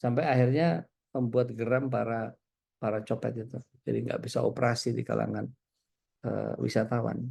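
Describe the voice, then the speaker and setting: A man from Indonesia giving a relaxed, conversational religious lecture, telling stories and often pausing with small hesitations. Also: medium pitch, vocal fry, husky. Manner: relaxed, storytelling, frequent hesitations. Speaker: Islamic preacher.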